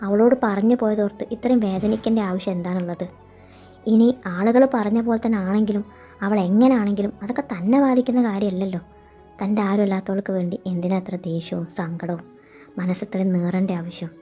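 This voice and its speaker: A woman narrating a fan fiction story in a steady, reflective way. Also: medium pitch, a little fast. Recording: dull lo-fi sound. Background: background music.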